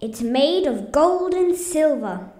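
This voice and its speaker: A very high, squeaky little pirate captain, bossy and eager. He calls out orders slowly and grandly. The voice rings in an echoey space, with faint music under it. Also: lively intonation, a little mellow, full character voice. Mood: commanding. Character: tiny excitable make-believe pirate captain creature.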